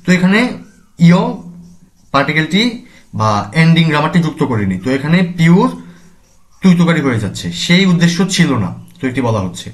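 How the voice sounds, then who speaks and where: A man from Bangladesh with a Bangladeshi Bengali accent, teaching grammar and pronunciation slowly and deliberately, repeating each term. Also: a little high, sing-song. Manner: slow, deliberate, repeats terms and spells out sounds. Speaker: language teacher.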